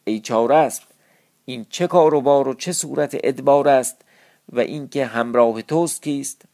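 A man voicing a loyal, devoted male innkeeper in a classical storybook tale, in a gravelly voice. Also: medium pitch, darkish tone, pitched above the performer's own voice, natural voice. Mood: earnest.

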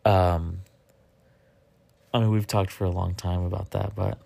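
A man's voice: low voice, level tone, unhurried, vocal fry, mellow. A man in his mid-thirties co-hosting a casual podcast chat with his wife, laid-back and rambling, poking fun at himself. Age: 30s. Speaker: podcast co-host.

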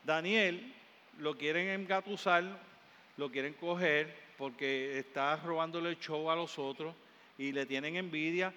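A man with a Caribbean Spanish accent preaches with fervor. His voice sits high and cuts bright through the space. A long hall reverb trails each emphatic phrase. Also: unhurried, muffled recording. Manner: fervent, builds up in emphatic repeated phrases. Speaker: pastor. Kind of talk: sermon. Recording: long hall reverb, faint room noise.

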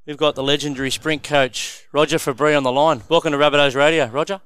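A man's voice: fairly high pitch, fairly even intonation, quick pace, fairly bright tone, clean tone, no room sound, studio quality. An Australian man hosting a casual sports radio interview in a matey, colloquial way. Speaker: radio show host. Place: radio studio.

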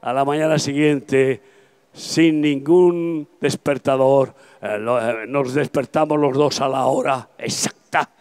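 A man in his seventies with a Spanish accent from Spain, preaching an impassioned open-air evangelistic sermon that swings between soft confiding and shouting. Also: mid-range voice, fairly even intonation, slow, clean tone. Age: 70s. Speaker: pastor. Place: outdoors at a campaign event.

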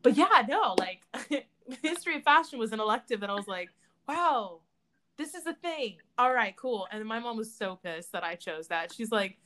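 A young woman co-hosts a casual chat, telling stories with bursts of laughter and little acted-out voices. Her voice sits a bit high. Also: very animated, moderate pace, sharp tone. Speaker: podcast co-host.

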